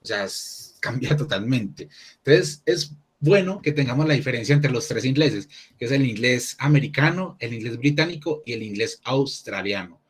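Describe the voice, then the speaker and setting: A man's voice: mid-range voice, animated, moderate pace, breathy edge. A man teaching an English class online, talking casually and thinking aloud with many restarts.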